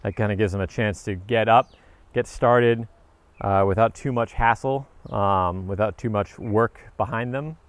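A man's voice: lowish voice, unhurried, clear, resonant tone, dry recording. A man in his thirties giving a casual, upbeat walk-through of his tropical garden, filmed outdoors on a handheld camera held at arm's length, rambling with fillers and self-corrections. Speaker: homesteader vlogger. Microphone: handheld action camera at arm's length.

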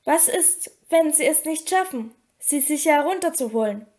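A woman putting on a bright teenage schoolgirl from a storybook reading, anxious and pleading, her voice pitched high and lifting higher as she frets. The tone stays light and girlish rather than fully transformed. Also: animated, normal speed. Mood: worried. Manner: worried, pleading.

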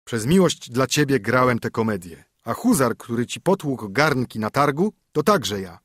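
A man's voice: mid-range voice, sing-song, normal speed, no room sound, studio quality. A man reading a fairy tale audiobook, voicing a stern poor minstrel husband who commands and scolds his wife. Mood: reassuring.

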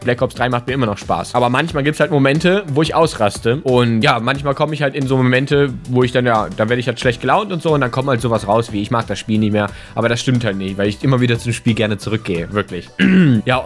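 A man chatting through his game footage, hoarse and worn out, his voice straining at its limit. He talks in a casual, slangy, excitable way at an ordinary pitch. Soft music runs faintly underneath. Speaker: gaming YouTuber. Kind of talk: casual gameplay commentary.

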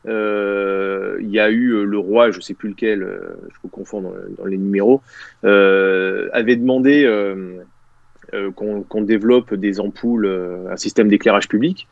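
His voice is lowish, gravelly and steady, and he takes his time. He's a man in his thirties on a casual webcam video call from a small room, rambling with fillers and restarts. No room sound comes through, though the recording is muffled.

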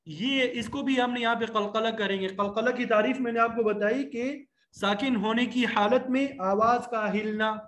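High-voiced man teaching recitation. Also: steady tone, fairly bright tone. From Pakistan. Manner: slowly drawn-out recitation examples between brisk explanations; repeats syllables for students to copy. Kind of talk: classroom tajweed lesson.

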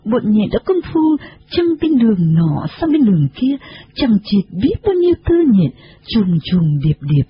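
A woman narrating a storybook in an expressive, dramatic manner. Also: mid-range voice, measured pace, slightly rough. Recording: dull lo-fi recording.

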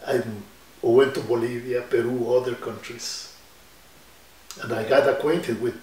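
Speaking slowly in a flat, darkish mid-range voice, a 70-something musician from Ecuador shares reflective stories with hand gestures during an oral history interview. Guitars line the wall of the indoor room, and the distant mic makes the recording sound roomy.

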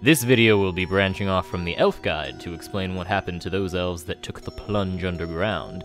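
Low, haunting, spooky dark elf played by a man. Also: close to an everyday voice. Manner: low haunting spooky voice, slow drawn-out delivery. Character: edgy, pompous dark elf narrator, theatrically spooky. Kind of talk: theatrical scripted narration.

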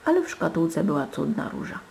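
A woman reading a fairy tale aloud with dramatic, animated storytelling and soft hushed asides. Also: low voice, a little fast, vocal fry. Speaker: storybook reader.

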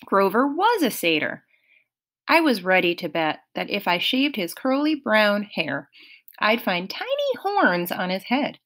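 A woman reading a novel aloud in first person, unhurried and expressive. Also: mid-range voice. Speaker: audiobook reader.

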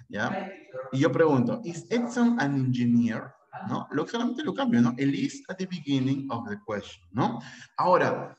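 A man's voice: mid-range voice, a little mellow. A Peruvian man lecturing pre-university students on English grammar, chatty and often checking in with them. His voice sits in a middle register. The sound is roomy and a bit dull, like a class recording. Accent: Peruvian Spanish. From Peru. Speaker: English teacher.

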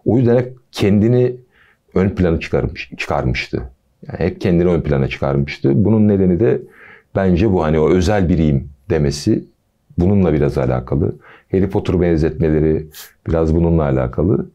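Deep chill guy on a football podcast, mellow tone, tosses in jokes. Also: moderate pace, muffled recording. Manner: relaxed, chatty, jokey asides. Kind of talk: casual football talk.

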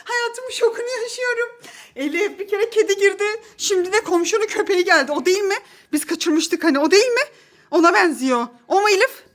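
A woman's voice: very high voice, expressive, a little fast. A mother in her thirties filming her kids at home, flustered and laughing as she urges them on. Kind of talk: casual family vlog. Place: apartment home indoors.

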